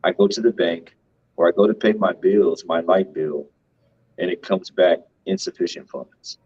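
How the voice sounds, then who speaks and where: A man with a deep, husky voice talks through money matters in a casual, emphatic way, often ending a point with "right?". The recording sounds dull and lo-fi. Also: moderate pace, a little mellow. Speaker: co-host of a finance show. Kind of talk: casual financial commentary.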